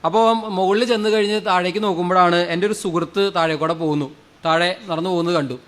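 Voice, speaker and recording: Priest preaching hard, high voice, repeats himself, quizzes the crowd, goes loud then soft. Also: male voice, fairly even intonation, fast talker. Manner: fervent, repeats phrases, asks the crowd questions, swings loud and soft. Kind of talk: sermon. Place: church or prayer hall with a congregation.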